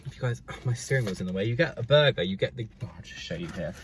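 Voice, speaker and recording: A young man casually reviewing fast food to camera from inside his car, chatting between bites and often talking with his mouth full. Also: medium pitch, expressive, a little hiss or hum. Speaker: vlogger.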